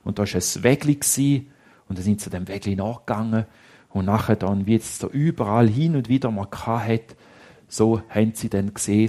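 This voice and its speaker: A man with a Swiss German accent telling a story to children in a lively way, dropping to hushed tones for suspense, in a husky voice. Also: on the low side.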